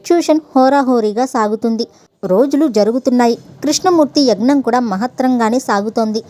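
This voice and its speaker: A woman narrating a story in a steady, clear reading. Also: a little high, fairly quick.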